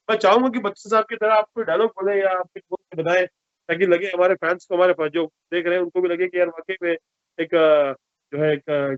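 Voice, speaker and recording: A man interviewing a guest for a news channel, asking formal questions with halting fillers. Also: high-pitched, dry recording, dull audio.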